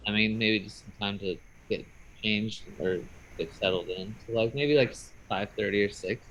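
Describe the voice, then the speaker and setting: A man's voice: fairly low pitch, moderate pace, a bit bright, muffled recording. A man who does magic, talking casually and rambling upbeat on a video call. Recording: faint noise on a video call.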